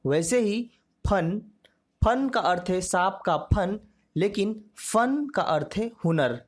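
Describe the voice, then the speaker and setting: A teacher speaking at a very slow, deliberate pace, pronouncing each sound with care. The voice sits at a middle pitch and steps through word lists one item at a time, like a classroom drill. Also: animated. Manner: slow, carefully articulated, demonstrating sounds. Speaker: Hindi teacher.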